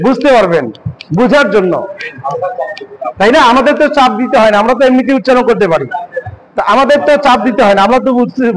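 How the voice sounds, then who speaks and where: A male teacher giving a slow pronunciation lesson, asking the class questions and repeating letter sounds again and again. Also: very high-pitched, slight background noise, rough recording. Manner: repeats letter sounds many times in a row. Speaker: Quran teacher.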